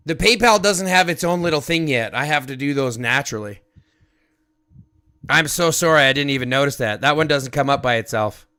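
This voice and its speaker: A man's voice: medium pitch, sharp tone, clean tone, no echo, clean studio sound. A man hosting a livestream, coaching a player on game stats in an emphatic, profane, step-by-step way. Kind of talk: casual livestream chat.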